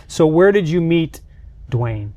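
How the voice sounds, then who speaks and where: A man's voice: fairly high pitch, very animated, slow pace, darkish tone, a little hiss or hum. A man asking questions in an informal, conversational way as a casual interviewer.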